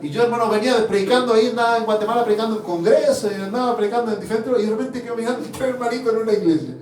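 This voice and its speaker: Male apostle, high-voiced fervent sermon; distant mic in a reverberant church, soft music under. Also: rapid-fire. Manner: fervent, addresses congregation as brothers, swings from loud to hushed. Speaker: apostle preaching. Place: church hall.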